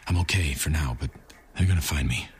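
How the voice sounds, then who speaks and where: A hushed, hunted negotiator. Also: male voice, rumbling low, brisk, slight background noise. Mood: anxious. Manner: hushed, anxious, stammering. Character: hunted male FBI hostage negotiator. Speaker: FBI negotiator.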